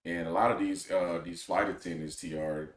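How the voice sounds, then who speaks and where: A man's voice: low voice, steady tone, moderate pace. A man co-hosting with casual, plain-spoken, colloquial commentary. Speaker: talk show co-host. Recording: roomy, echoing sound.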